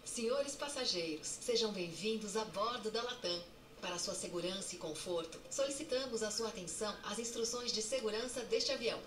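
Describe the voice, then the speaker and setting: A woman with a Brazilian Portuguese accent reads an in-flight safety announcement over the aircraft cabin PA in a formal, measured way. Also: mid-range voice, fairly bright tone, a little hiss or hum. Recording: echoey PA, distant, music behind.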